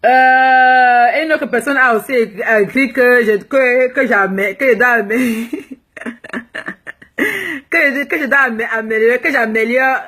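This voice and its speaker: A woman's voice: on the high side, unhurried, fairly bright tone. A woman from Cameroon with a Cameroonian French accent, a fashion blogger answering viewers' comments live in a frank, teasing way and slipping English phrases into her French. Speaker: plus-size fashion blogger.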